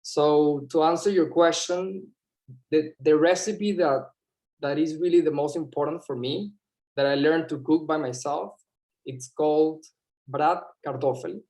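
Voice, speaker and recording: A man's voice: on the high side, fairly even intonation, a little slow, a little mellow. Guy, english, giving an impromptu answer on a video call, keeps restarting. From Venezuela. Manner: hesitant, repeats words, searches for English terms.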